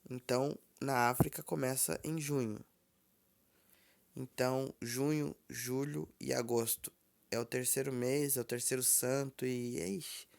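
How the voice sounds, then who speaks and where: A man gives a language lesson at an unhurried, deliberate pace. His voice carries a gravelly, creaky edge, and he repeats each word patiently while explaining its tones. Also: medium pitch. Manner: repeats words slowly and patiently, spelling out tones. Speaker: Yoruba language teacher. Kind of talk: slow spoken language lesson.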